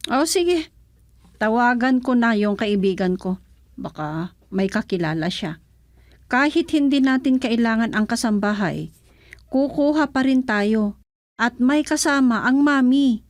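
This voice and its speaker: An actress playing a sharp-tongued, proud young woman in a radio drama, scolding and indignant. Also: fairly high pitch, expressive, unhurried, long pauses, no room sound, studio quality. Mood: brisk. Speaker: voice actor.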